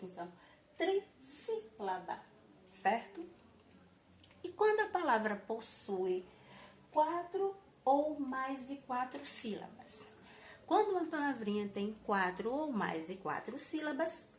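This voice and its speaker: A woman's voice: mid-range voice, a little hiss or hum. A Brazilian woman primary school teacher giving a recorded class to young children, stretching out key words syllable by syllable in a patient, sing-song teaching voice. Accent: Brazilian Portuguese.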